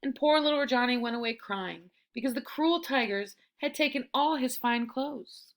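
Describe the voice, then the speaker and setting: A woman's voice: high-pitched, normal speed. A young woman reading a children's story aloud and breaking off for amused, chatty asides.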